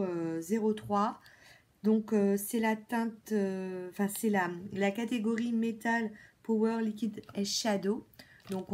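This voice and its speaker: A woman vlogger chatting casually through a makeup product review, repeating words often and filling pauses with many fillers. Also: mid-range voice, darkish tone. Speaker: beauty vlogger.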